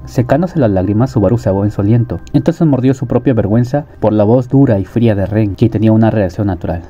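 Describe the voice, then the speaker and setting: A man narrating a novel's story in a plain, steady reading voice. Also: on the low side, quick pace, husky, soft background music. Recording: dull lo-fi audio.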